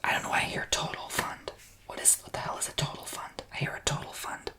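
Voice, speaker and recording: A woman tarot reader giving a sassy, blunt reading, almost entirely in a whisper that often rises to a whisper-shout. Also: quick pace.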